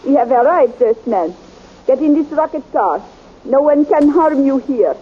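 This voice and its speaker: A woman's voice: high-pitched, lively intonation, normal speed, narrow, tinny audio. A woman playing a bold alien princess in a 1930s radio drama, urgent and imperious, on a hissy old recording.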